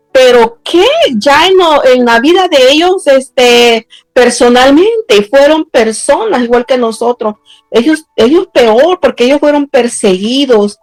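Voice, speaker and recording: A woman gives an earnest testimony sermon in a fairly high voice. She slows down and lifts her pitch when she presses a point. Faint music plays under a dry, close recording. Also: dry recording, low-quality recording. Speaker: preacher.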